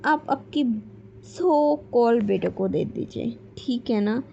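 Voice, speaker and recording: A woman's voice: lively intonation, takes it slowly, vocal fry, mellow, heavily acted. A woman voicing a cold defiant young woman. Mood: dismissive. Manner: blunt and dismissive. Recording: dull low-fidelity mic with faint background noise.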